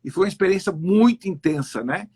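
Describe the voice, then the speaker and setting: A man's voice: sits high, expressive, fast, darkish tone, husky. A man hosting a live-stream interview, asking long, rambling questions full of restarts. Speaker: host, consultant. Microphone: online live stream.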